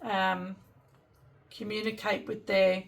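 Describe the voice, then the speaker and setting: Give the voice of a woman fortune teller at an ordinary middle pitch. She reads oracle cards off the cuff, pondering aloud and speaking straight to the listener with gentle advice. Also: little pitch movement, slow. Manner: gentle advising, thinking aloud, addressing the listener directly. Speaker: tarot and oracle card reader. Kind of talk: fortune teller giving an oracle card reading, unscripted.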